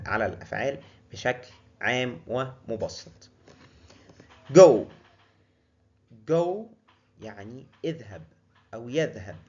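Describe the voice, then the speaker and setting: Egyptian man, native Arabic speaker, teaching English vocabulary, lively pitch, dull lo-fi audio. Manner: repeats words slowly and clearly, then explains them. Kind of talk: vocabulary lesson.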